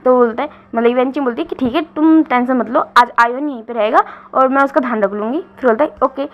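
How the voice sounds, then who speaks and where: A woman with a fairly high voice casually retells a romance fan story. She talks loosely, often stopping on fillers and correcting herself mid-sentence. The recording sounds dull and lo-fi. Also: brisk. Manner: frequent fillers and self-corrections.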